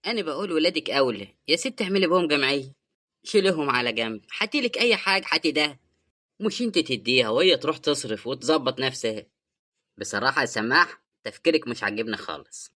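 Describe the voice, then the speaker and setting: A man voicing a blunt, impatient husband in an animated drama, speaking Egyptian Arabic and lecturing his wife about money. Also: medium pitch, fast.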